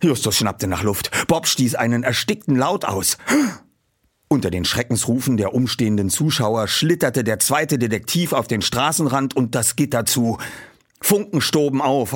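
Husky male audiobook narrator, lively. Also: medium pitch. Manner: lively, tense storytelling.

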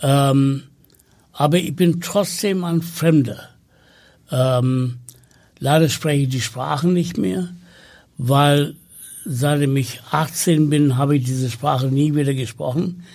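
Speaking as a guest in a conversational podcast interview, a man from Sri Lanka with Tamil as his first language comes across slow and hesitant, leaning on many fillers. His gravelly voice is a little high and has a darkish tone.

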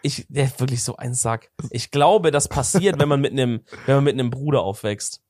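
A man's voice: mid-range voice, a little fast, darkish tone, dry recording, clean studio sound. A young man co-hosting a podcast in casual chat, slangy and swearing as he tells stories with animation. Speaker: podcast co-host.

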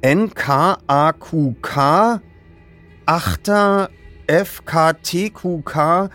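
A man voicing a teenage boy detective who reads out dates and letters slowly, one at a time. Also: fairly high pitch, fairly bright tone, faint music behind, pitched above the performer's own voice. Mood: reading out. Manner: slow, spelling out letters one by one. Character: teenage boy detective, second of three friends.

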